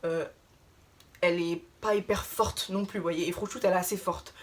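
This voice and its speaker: A young adult woman casually telling a story to her viewers, chatty and animated, piling on filler tags as she retells what happened. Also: on the low side, moderate pace. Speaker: vlogger.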